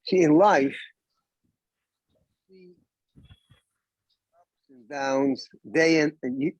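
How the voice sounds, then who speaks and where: A man speaks through wireless earbuds on an online call, and his audio keeps cutting in and out. His voice sits a little high, and he talks haltingly, repeating words as he searches for the phrase. He sounds like a rabbi adding a thought in a study session. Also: no echo, lo-fi sound. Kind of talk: online Torah study discussion.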